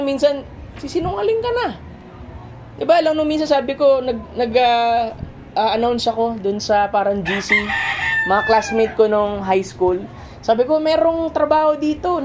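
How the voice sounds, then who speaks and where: A man's voice: very high voice, a little mellow. Pastor, thirties, male: folksy conversational preacher, laughs at himself, light background noise. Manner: conversational, keeps saying "mga kapatid" and "diba?"; chuckles through his own stories. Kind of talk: sermon.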